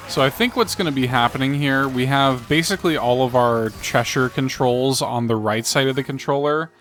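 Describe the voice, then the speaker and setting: A man's voice: mid-range voice, moderate pace, fairly bright tone, faint music behind. A man giving casual let's play commentary on a video game, thinking aloud as he goes.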